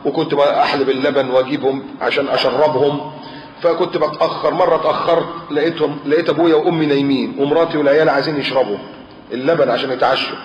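Man acting devoted son in prayer, Egyptian Arabic accent, hurried fretful pleading, echoey lo-fi tape. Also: fairly high pitch, flat delivery, background noise, close to an everyday voice. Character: devoted son praying in a cave, anxious. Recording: roomy, dull lo-fi recording.

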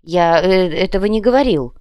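A woman's voice: lowish voice, expressive, normal speed, darkish tone, no echo, clean studio sound, close to an everyday voice. A woman reading an audiobook voices a nervous, evasive male prisoner who pleads and stammers. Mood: pleading.

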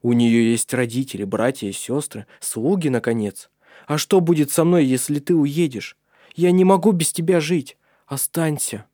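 A man's voice: on the high side, normal speed, warm tone, no room sound, clean studio sound, pitched above the performer's own voice, natural voice. A man voicing an earnest, protective young nobleman in love in an audiobook. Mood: urgent.

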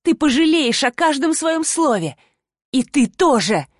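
Casting: a woman doing a high, sneering rich mean girl in an audiobook, snarling and mocking, dry close sound. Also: animated, normal speed, no room sound, lightly acted. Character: spiteful rich young woman, mocking bully. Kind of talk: audiobook character voice.

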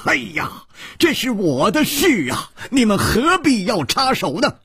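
A man's voice: very high-pitched, wildly swooping pitch, a little slow, fairly bright tone, slightly rough, no room sound, studio quality, voice pushed up, exaggerated voice. A male storyteller voicing a cold, proud male swordsman who speaks agitatedly and stammers in a radio story.

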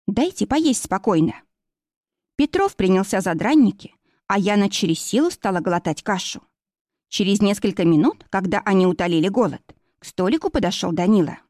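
Woman, audiobook narration, even expressive reading, middle pitch, dry close sound. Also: a little fast, dry recording. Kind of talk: scripted narration.

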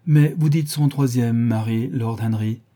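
A man's voice: medium pitch, a little slow, dark tone, lightly acted. A man voicing a chiding old society hostess. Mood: scolding.

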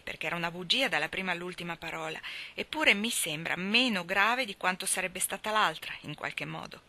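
A woman reading aloud, voicing a strict but fair older farm woman who speaks in a measured, solemn way. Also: lowish voice, sharp tone, exaggerated voice. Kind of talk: audiobook reading.

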